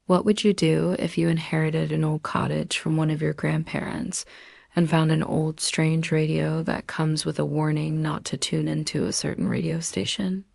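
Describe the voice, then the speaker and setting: Hosting a scripted horror story, a woman narrates in a low voice with steady fry, holding her pitch in a narrow band. She speaks deliberately and leaves dramatic pauses between phrases, and the recording is dry with clean studio sound.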